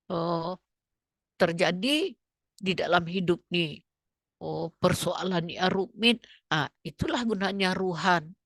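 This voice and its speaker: A middle-aged woman from Indonesia preaches to a study group in a chatty way, checking in with her listeners as she goes. Her voice has some fry and grit in it. The recording is dry and close, with little room sound. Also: on the low side, a bit bright, no room sound. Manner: conversational preaching, frequent tag questions and interjections. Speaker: religious teacher. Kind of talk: Islamic study-group sermon.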